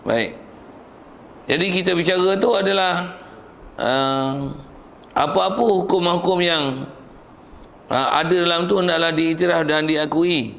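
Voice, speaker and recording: A man's voice: a little high, measured pace, gravelly, pauses often, fairly bright tone. A man with a Malaysian Malay accent teaching a religious class, conversational and joking, asking and answering his own questions. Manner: jokes with the class.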